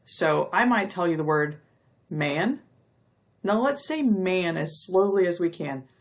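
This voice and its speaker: A middle-aged woman giving a recorded lecture, explaining step by step and stretching out speech sounds slowly to demonstrate them. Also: lowish voice, animated. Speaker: university lecturer.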